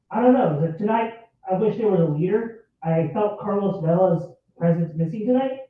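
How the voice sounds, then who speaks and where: A man calling in to a live show who sounds like he is at the bottom of a well, rambling and restarting his points with "look". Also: sits high. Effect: sounds like down a well, tunnel-like echo. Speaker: caller. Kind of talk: fan venting on a call-in. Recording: distant echoey lo-fi call line.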